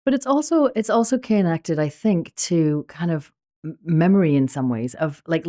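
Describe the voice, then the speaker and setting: A woman hosts a conversational interview in a low, mellow voice. She muses aloud, doubling back on her own sentences as she works out a thought. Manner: musing, restarts mid-thought. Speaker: podcast host.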